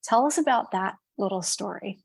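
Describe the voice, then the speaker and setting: A woman's voice: medium pitch, lively intonation, normal speed, gravelly, husky. A woman hosting a podcast, asking her guest conversational questions. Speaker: podcast host. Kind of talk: interview questions.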